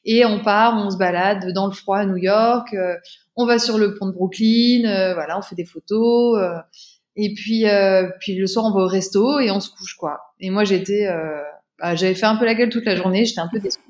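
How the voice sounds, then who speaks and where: A woman's voice: mid-range voice, fairly even intonation, moderate pace. A woman, a guest in an interview, telling a personal story casually, with many fillers and restarts.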